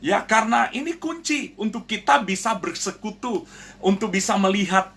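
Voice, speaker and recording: On an online prayer broadcast, a pastor speaks in a high, fairly bright voice at normal speed with lively intonation. His preaching is earnest and direct, repeatedly addressing the congregation as "saudara," or brothers and sisters. He performs the quoted voices in his stories.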